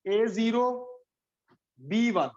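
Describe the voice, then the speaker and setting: A man's voice: high voice, expressive, very slow, a little mellow. Punjabi guy teaching a class, keeps asking students stuff, kinda muffled recording. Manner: quizzes students by name, repeats points. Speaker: physics teacher. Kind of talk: classroom lecture.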